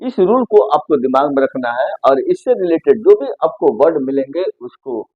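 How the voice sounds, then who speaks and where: In a Hindi-language lesson on English pronunciation, a man spells words out letter by letter and poses questions he then answers himself. His voice is a little high with big pitch swings and a moderate pace, recorded without echo but with the highs cut off.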